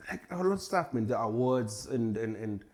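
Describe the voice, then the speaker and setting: A man's voice: mid-range voice, animated, moderate pace, darkish tone. A man in his forties from Tanzania, a hip hop artist chatting as a guest in a casual interview, laid-back and rambling. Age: 40s.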